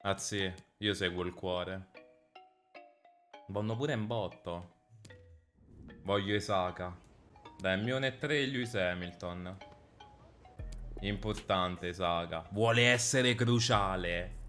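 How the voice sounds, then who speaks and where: A man's voice: low-pitched, slow pace, long pauses, fairly bright tone, faint music behind. A young man, a gaming streamer doing jokey mock football commentary over gameplay and mumbling asides.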